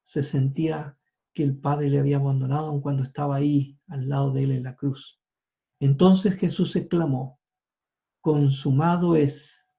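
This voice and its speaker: A man's voice: mid-range voice, fairly even intonation, normal speed, gravelly, warm tone. A man preaching a sermon, retelling scripture with informal asides and small restarts. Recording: dull lo-fi sound.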